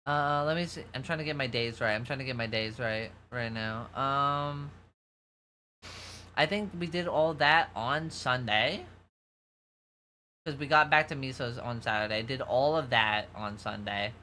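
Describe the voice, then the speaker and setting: A young man with a bright, forceful voice and a slight New York accent rambles through a story in casual stream chat. He often loses his thread and circles back, with faint noise behind him. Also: mid-range voice, a little slow.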